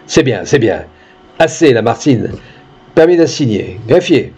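Brief: man playing a curt, impatient village judge, husky and mellow. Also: mid-range voice, big pitch swings, a little slow, exaggerated voice. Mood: brusque. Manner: brusque, curt. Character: gruff, impatient country justice of the peace.

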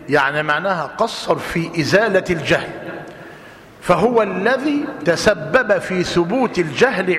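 A man with an Egyptian accent teaching a jurisprudence lesson, repeating each point slowly for dictation and quizzing his listeners. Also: sits high, fairly bright tone. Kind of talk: classroom lecture. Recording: long hall reverb.

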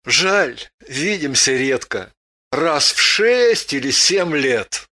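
An earnest young warrior pilot asks about his fate in an audiobook reading, voiced by a woman. He speaks slowly and questioningly with a lively pitch. The voice sounds bright. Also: heavily acted.

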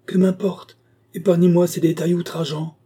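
A man's voice: medium pitch, fairly even intonation, fairly quick, mellow, slightly rough, voice pushed up, lightly acted. A man voicing a jealous, humiliated nobleman who speaks in a hard, clipped way. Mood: harsh.

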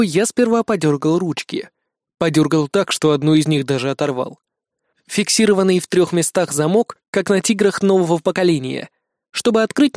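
A man's voice: on the high side, darkish tone, no room sound. A man reading a first-person adventure audiobook in a dry, wry manner. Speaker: audiobook narrator.

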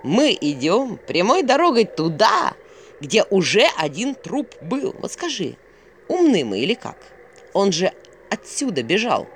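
A woman's voice: mid-range voice, wildly swooping pitch, a little slow, a little hiss or hum. A woman voicing a sarcastic, grumbling male owl who mocks his companion in a dry tone. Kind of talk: audiobook character voice.

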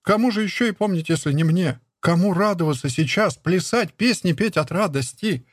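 Male narrator doing a fretful young peasant wife, higher register, husky, emotional. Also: normal speed, no echo, studio quality. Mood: pleading. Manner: raised, plaintive, emotional pleading. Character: young village wife, anxious and pleading. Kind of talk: audiobook character reading.

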